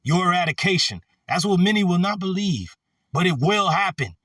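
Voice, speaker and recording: Fiery man preacher, bright voice, slangy, whoops between verses, dry and slightly off-mic. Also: high-pitched, animated, moderate pace, no echo, far from the mic. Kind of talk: casual online sermon with scripture reading.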